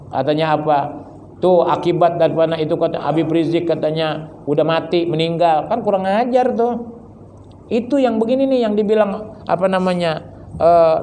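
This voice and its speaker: A man's voice: a little high, darkish tone, a little hiss or hum. A man with a Betawi Jakarta accent preaching a sermon, joking and acting out little dialogues in different voices. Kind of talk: Islamic study sermon.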